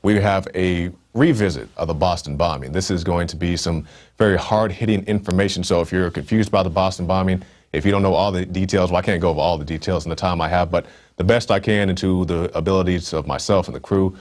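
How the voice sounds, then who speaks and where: A man with a very low voice hosts his own news commentary show. He talks emphatically and loosely, with casual asides and frequent "uh"s between his points. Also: fairly even intonation, fast, a little mellow. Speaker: online show host.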